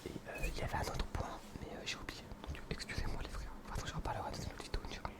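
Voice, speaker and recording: Whispering very fast in a breathy, hushed library tone, a young man shows off books in an ASMR style that's informal, earnest, and hesitant.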